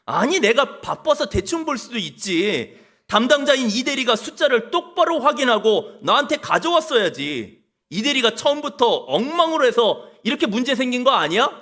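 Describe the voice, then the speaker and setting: A man's voice: very high voice, very animated, moderate pace, sharp tone, voice pushed up, heavily acted. A preacher acting out an irritated team leader scolding his employee and blaming him.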